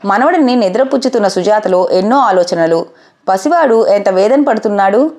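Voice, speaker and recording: A woman narrating a family story in a calm, measured reading voice. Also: medium pitch. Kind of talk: scripted narration.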